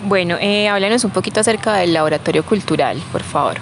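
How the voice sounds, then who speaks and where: A woman's voice: lowish voice, animated, fast, a little hiss or hum. A woman hosting a community radio interview, asking friendly, prompting questions.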